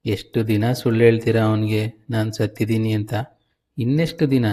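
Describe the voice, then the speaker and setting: A man's voice: lowish voice, fairly even intonation, moderate pace, dark tone, dry recording, studio quality, lightly acted. A man voicing a ghost that poses as a loving mother, coaxing and insistent. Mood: eerie.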